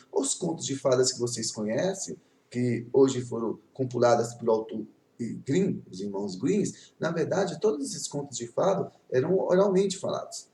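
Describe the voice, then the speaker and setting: A man's voice: mid-range voice, dark tone. A male teacher with a Brazilian Portuguese accent telling stories in a chatty, rambling way to his class, often checking in with his students. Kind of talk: casual online class storytelling. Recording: echoey room, voice from a distance.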